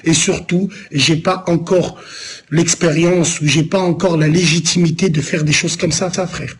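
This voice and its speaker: A man's voice: on the high side, steady tone, moderate pace. A man from Lyon, France, streaming live, answering viewers in a loose, rambling, teasing way full of street slang. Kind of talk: casual live-stream chat.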